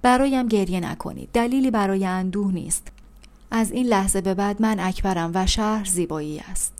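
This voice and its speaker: A woman's voice: medium pitch, darkish tone, natural voice. A woman voicing a weak, dying mother. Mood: fading, tender. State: voice growing weak. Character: dying mother trapped under rubble, calm and tender. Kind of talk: audiobook reading.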